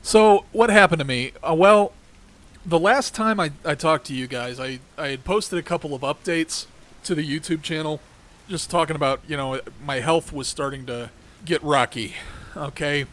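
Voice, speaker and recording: A middle-aged man hosts his own podcast, delivering a casual political monologue that starts heated and ranting before turning rambling and conversational. His congested voice keeps cracking; it is a little high and fairly bright, at normal speed.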